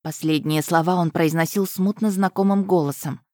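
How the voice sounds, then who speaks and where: Audiobook reader, woman, low register, dry studio read. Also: steady tone, moderate pace, darkish tone, no echo. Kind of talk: first-person fantasy audiobook narration.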